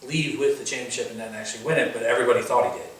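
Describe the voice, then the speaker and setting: Male pundit, mid-pitched, casual interview previews with announcer-style detail, strong echo and faint background noise. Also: fairly even intonation, rapid-fire. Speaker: wrestling pundit previewing shows. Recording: very echoey room, distant mic, faint noise.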